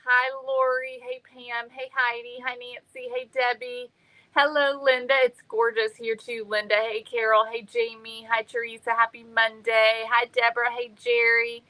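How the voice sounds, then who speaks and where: Chatty woman, bright voice. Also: fairly high pitch, flat delivery, normal speed, low-quality recording. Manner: chatty, greets viewers by name, many ums. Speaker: craft livestream host. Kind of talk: casual livestream chat.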